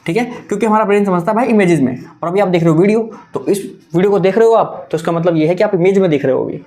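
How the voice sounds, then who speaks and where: A man's voice: sits high, rapid-fire, a little mellow. A young adult man teaching a maths exam-prep lesson, talking in a coaxing, repetitive way and mixing in English terms.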